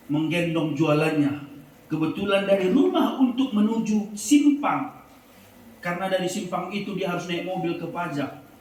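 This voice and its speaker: A man's voice: on the high side, darkish tone. A man telling a sermon illustration in a vivid, emphatic manner. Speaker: speaker sharing a testimony. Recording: echoey room, distant mic, faint noise.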